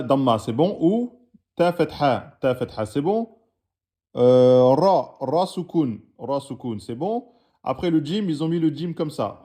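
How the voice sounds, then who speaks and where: His voice is warm and on the high side as he teaches the Arabic alphabet to a French-speaking audience. He works patiently through written exercises, correcting them and voicing each letter and vowel.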